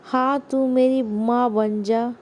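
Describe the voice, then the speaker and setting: Woman narrator doing a nagging elderly mother-in-law, scolding in slow, mellow tones. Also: fairly high pitch, steady tone. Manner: scolding, complaining.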